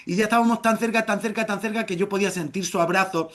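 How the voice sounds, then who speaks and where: A middle-aged man spins a comic tale for a live audience, his voice sitting high for a man. He tells it playfully and bursts into theatrical shouted exclamations. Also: fast. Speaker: storyteller. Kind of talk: live oral storytelling.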